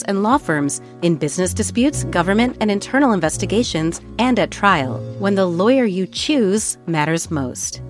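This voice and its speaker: A woman reads a scripted podcast sponsor message in an upbeat announcer style. Her pitch moves up and down a lot. Soft music plays quietly behind her. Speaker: sponsor ad reader.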